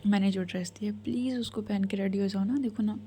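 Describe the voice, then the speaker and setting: Woman doing a flustered defensive young wife, whispered role-play, warm low tone. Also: fairly even intonation, quick pace, a little hiss or hum, lightly acted. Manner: defensive, shy.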